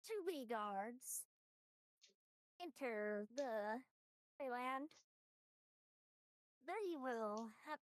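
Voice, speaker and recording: A man using a voice changer while slowly narrating his character's entrance in a tabletop game. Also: very high voice, dry recording, pitched above the performer's own voice, heavily acted, rough recording. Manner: slow, hesitant narration.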